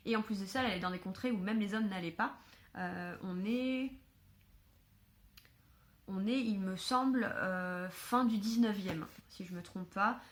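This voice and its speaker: A woman's voice: mid-range voice, unhurried. Chatty woman vlogger, many hesitations. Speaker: book vlogger. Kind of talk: casual book haul chat.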